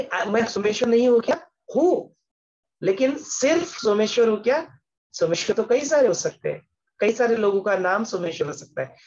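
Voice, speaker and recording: A man's voice: sits high, highs cut off. A man giving an explanatory scripture lesson as a spiritual teacher, patiently repeating words and slipping English phrases into his talk.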